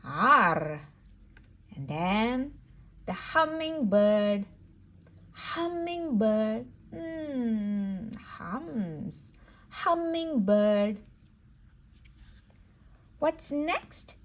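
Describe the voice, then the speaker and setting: Her voice a bit bright and on the high side, a children's educator and host reads words aloud to toddlers. She's sing-song and encouraging, saying words again and again for a small child.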